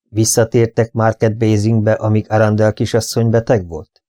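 A man reading an audiobook, playing a dry, measured older detective who asks careful questions. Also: on the low side, monotone, mellow, dry recording, lightly acted.

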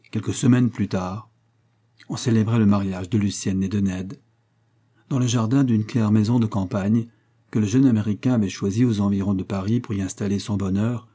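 A man narrating an adventure novel in a measured, even reading. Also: lowish voice, slightly rough. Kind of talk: audiobook narration.

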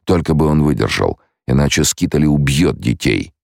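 A man narrating an audiobook in a measured, even storytelling manner. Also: extremely low pitch, vocal fry, no room sound, studio quality. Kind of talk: scripted narration.

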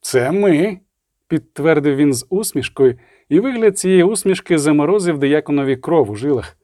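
A man reading a novel aloud in measured scripted narration. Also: fairly high pitch, expressive, mellow, no echo, clean studio sound. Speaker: audiobook narrator.

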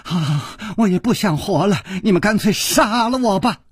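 A man's voice: high voice, very animated, fairly quick, mellow, husky, dry recording, studio quality, voice pushed up, exaggerated voice. A male storyteller voicing a spoiled, hysterical young swordswoman who shrieks, scolds and wails at the men around her. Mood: wailing. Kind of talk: traditional storytelling.

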